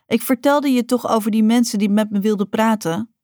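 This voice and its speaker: A firm mother who speaks with a sharp edge, voiced by a woman reading a children's book. Her voice sits slightly above the reader's own and comes across clear and direct. The recording is dry and close, with no room echo. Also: on the high side, brisk, voice pushed up, natural voice. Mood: serious. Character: stern mother, adult woman, architect.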